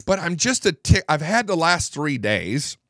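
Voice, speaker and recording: On a studio microphone, a middle-aged man hosts a political talk show, his pitch a little high, his delivery very animated yet a little slow. The tone is fairly bright and the recording dry. He's under the weather with low energy, so his normally strong voice gets gravelly, and he rambles and stammers through restarts.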